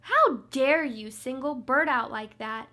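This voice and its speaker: A woman's voice: high voice, lively intonation, slow pace, sharp tone, exaggerated voice. A woman playing a self-righteous daytime TV judge in a comedy radio sketch, stern and scolding. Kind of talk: comic radio sketch acting.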